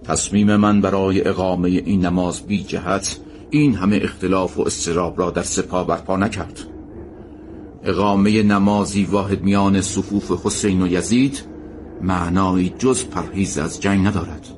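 A man's voice: low-pitched, steady tone, darkish tone, a little hiss or hum, natural voice. An actor playing a male army commander who speaks in a firm, authoritative way. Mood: earnest. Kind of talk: audio drama acting.

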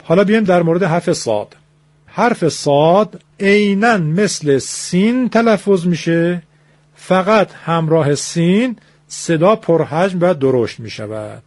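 Man teaching pronunciation, crisp dry sound. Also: high-pitched, animated, a little mellow, dry recording. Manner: explains patiently, demonstrating sounds aloud; formal, polite. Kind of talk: radio lesson.

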